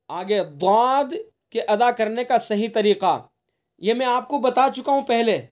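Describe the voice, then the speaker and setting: A man's voice: high-pitched, highs cut off. A man teaching an online Quran recitation lesson, explaining patiently, repeating points and demonstrating letter sounds. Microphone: online class recording.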